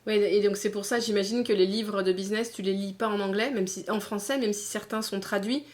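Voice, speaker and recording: A woman's voice: medium pitch, steady tone, brisk. A woman hosting a casual interview, chatty and encouraging. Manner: chatty, brief encouraging backchannels. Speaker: host, interviewer.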